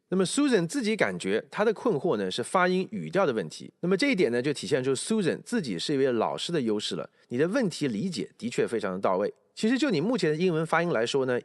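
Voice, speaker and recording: A man teaching English pronunciation, explaining and slowly repeating English phrases to show stress and intonation. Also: mid-range voice, no echo, clean studio sound. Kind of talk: pronunciation lesson with spoken examples.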